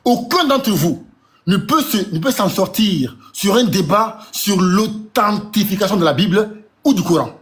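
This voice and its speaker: A man's voice: high voice, lively intonation, normal speed, fairly bright tone. A man challenging others in a heated live debate, insistent, stammering and repeating himself. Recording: faint background noise.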